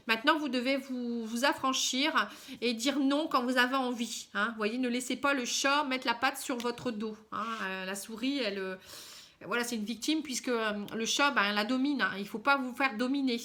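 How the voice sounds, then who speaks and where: A woman giving a casual tarot reading to camera, halting, with many fillers and a frequent "hein". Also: sits high, sharp tone. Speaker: tarot card reader.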